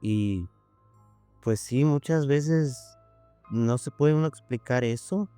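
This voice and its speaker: A man's voice: medium pitch, slow, mellow, clear, resonant tone, no room sound, soft background music. A man hosting a podcast, talking thoughtfully and hunting for words with lots of fillers. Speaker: podcast host. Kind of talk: casual chat.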